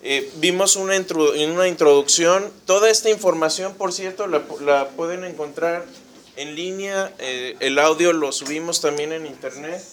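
A man's voice: a little high, moderate pace, fairly bright tone, a little hiss or hum. A man teaching a Bible study class in a conversational way, often asking the group questions. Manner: frequent restarts and fillers. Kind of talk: church class lecture.

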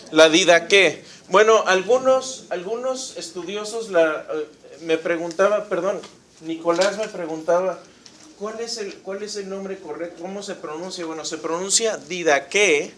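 A man's voice: high voice, measured pace, a bit bright. A man teaching a Bible study class in a conversational way, often asking the group questions. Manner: frequent restarts and fillers. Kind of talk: church class lecture.

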